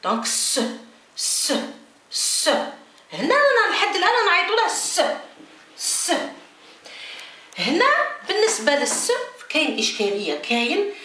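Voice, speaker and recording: A woman teaching a beginners' French lesson, slowly repeating letters and words as she explains. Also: very high voice, huge pitch swings, pushed and bright. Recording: echoey room, mic at a distance, faint noise.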